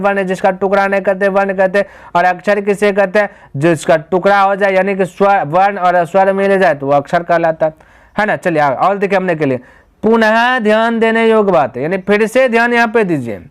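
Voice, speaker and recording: A man's voice: sits high, fairly quick, clean tone. A man teaching a grammar lesson. He explains step by step, asks the students rhetorical questions and answers them himself, and calls them "my brother.".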